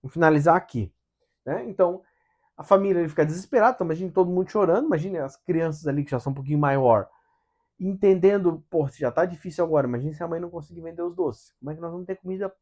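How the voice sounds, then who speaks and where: A man's voice: on the high side, racing, darkish tone. A man hosting a casual spiritual book study in Brazilian Portuguese, talking with animation, asking rhetorical questions and acting out quotes in different voices.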